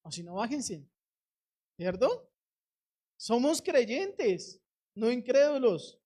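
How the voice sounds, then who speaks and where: A woman's voice: on the high side, very animated, slow pace, warm tone. A middle-aged woman preaching a sermon, urging the congregation directly and acting out quoted voices.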